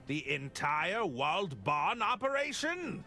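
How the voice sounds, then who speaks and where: A man's voice: high voice, sing-song, slow pace, bright, forceful tone, soft background music, full character voice. A man playing an earnest, awkward, politely inquisitive novelist detective in a comedic game. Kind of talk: comedic adventure game acting.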